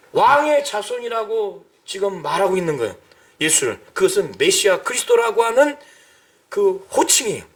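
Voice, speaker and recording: A man, a pastor, preaching an emphatic sermon and acting out the people he quotes. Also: high-pitched. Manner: emphatic, rising to shouts at climaxes; acts out quoted cries and speech.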